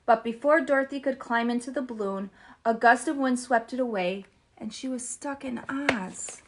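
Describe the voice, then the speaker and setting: A woman hosting a children's story time who reads aloud in an animated way and chats with her viewers. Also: fairly high pitch, normal speed, slight background noise. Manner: animated and chatty, addresses viewers as "you guys". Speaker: children's story reader and host. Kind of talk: storybook read-aloud for kids.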